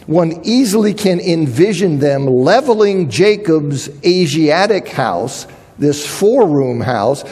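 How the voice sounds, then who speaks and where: Husky man lecturing in a reverberant hall. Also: on the high side, darkish tone. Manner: thinking aloud, restarts, reads quotes aloud. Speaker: Bible teacher. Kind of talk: lecture on biblical archaeology.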